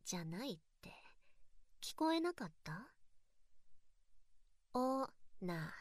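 Woman doing a bossy mocking girl, whispered role-play, slow and drawn out, swings high and low a lot, baby-talk taunts. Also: sing-song, no room sound, clean studio sound, full character voice. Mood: teasing. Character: sadistic teasing young woman, domineering and mocking.

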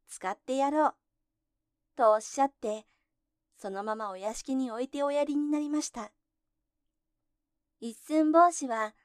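A woman narrating a folk tale in gentle, measured storybook telling. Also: high-pitched, clean tone, no echo, studio quality.

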